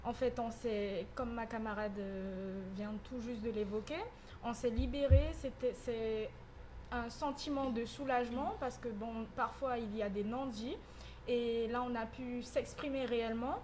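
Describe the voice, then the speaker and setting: Earnest young woman student, a little high-pitched, faint hiss behind. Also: steady tone, measured pace, a little mellow. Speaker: university student.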